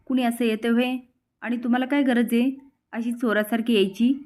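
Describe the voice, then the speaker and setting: A woman's voice: a little high, fairly even intonation, a little fast, darkish tone, natural voice. Woman reading as a shy, proud village maid. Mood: modest. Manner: rustic, modest, a little stubborn.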